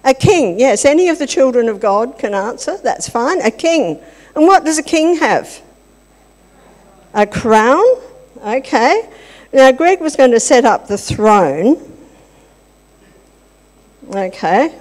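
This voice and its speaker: Animated yet slow, with long pauses, the older woman's high, slightly mellow voice guides a playful children's talk at a church service as she asks the kids questions. She uses a handheld microphone, and the big congregation-filled hall adds long reverb.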